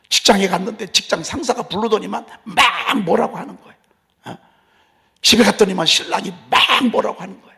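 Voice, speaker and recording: Male pastor, dramatic dawn sermon, gravelly, sanctuary echo. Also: high-pitched, pushed and bright. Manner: dramatic, acts out voices in asides. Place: church sanctuary. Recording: long hall reverb.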